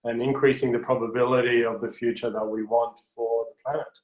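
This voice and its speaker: A man's voice: mid-range voice, little pitch movement, fairly quick. A man hosting an interview, affirming his guest and asking lofty questions with hesitant fillers. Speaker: interview host. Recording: roomy echo.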